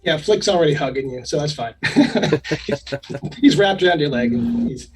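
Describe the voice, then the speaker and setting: A man role-playing casually in a tabletop game, speaking in a hesitant, halting way. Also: a little high, animated, husky, recorded from a distance, faint music behind.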